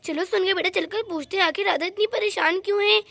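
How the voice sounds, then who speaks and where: A woman's voice: extremely high pitch, quick pace, gravelly, a bit bright, dry recording, heavily acted. A woman voicing a bossy mother in a doll story who scolds and reassures in turn. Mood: stern.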